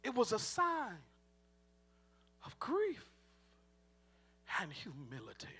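A man preaching a sermon as pastor, fervent, with a chanting sing-song cadence that swings from shouts down to hushed near-whispers. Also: high voice, wildly swooping pitch, slow, husky.

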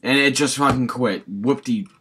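A man playing a video game and raging at it. His voice is bright and forceful, full of exasperated swearing. He commentates angrily and is prone to bursting into yells. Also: mid-range voice, measured pace, a little hiss or hum. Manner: angry, exasperated, heavy swearing with sudden yelled outbursts. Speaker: gamer recording a gameplay video.

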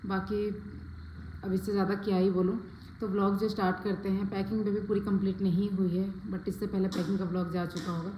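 A woman's voice: mid-range voice, level tone, a little fast, dark tone, reverberant, lo-fi sound, a little hiss or hum. A woman from Faridabad, India, vlogging at home as she packs, chatting straight to her viewers with lots of fillers. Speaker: family vlogger. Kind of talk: casual vlog chat to viewers. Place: at home, packing indoors.

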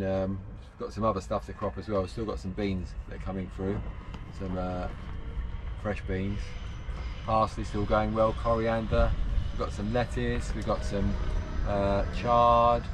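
This allotment gardener and channel host, an English man in his fifties, has a fairly low voice with background noise behind it. He works his plot and polytunnel outdoors, relaxed and chatty, talking through each job with plenty of fillers in a casual vlog.

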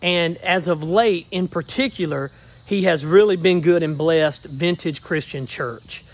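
Male pastor, 30s, fairly high voice, upbeat rhythmic preacher phrasing, phone selfie outdoors. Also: measured pace. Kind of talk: casual selfie update video. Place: backyard outdoors. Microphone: phone at arm's length.

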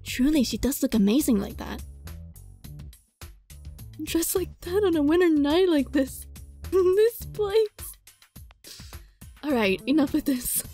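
With a high voice, a slow pace, and frequent pauses, a woman reads a visual novel aloud expressively for a gaming video. She adds giggly, casual reactions while game music plays behind her.

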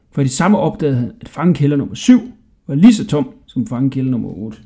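Man, bedtime story narration, lively melodic voice, slightly high. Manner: expressive, storytelling. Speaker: audiobook reader.

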